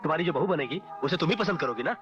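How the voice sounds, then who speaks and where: A man's voice: fairly high pitch, lively intonation, muffled recording, lightly acted. An actor playing a playful young man who pleads and feigns innocence in a comic Bollywood scene. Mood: comic pleading. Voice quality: comic, pleading, quick-talking. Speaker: son in a film. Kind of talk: 1990s Bollywood comic film acting. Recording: film soundtrack with loud background music.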